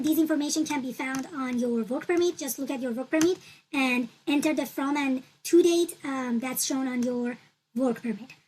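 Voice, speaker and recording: A tutorial presenter whose first language is Turkish calmly guides viewers through an online form step by step in a screen-recorded walkthrough. She has a high voice and is patient and repetitive, restating her points with fillers. The recording quality is low.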